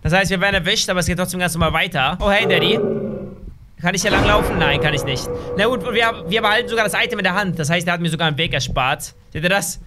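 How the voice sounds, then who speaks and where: A man giving excitable, chatty let's play commentary as a gaming YouTuber, talking straight to his viewers. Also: high-pitched, quick pace, background noise.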